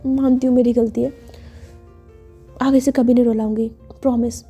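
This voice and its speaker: Woman voicing a stammering, coaxing college girl, breathy, high, faint music underneath. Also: level tone, normal speed, dark tone. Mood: apologetic, tender. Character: remorseful young college woman, caring.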